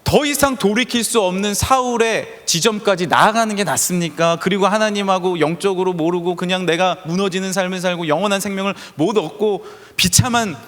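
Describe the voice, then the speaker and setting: A man preaching a sermon as pastor, telling stories in an animated way and acting out the people he quotes. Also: high voice. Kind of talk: lively sermon with acted-out quotes. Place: church sanctuary. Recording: reverberant church hall.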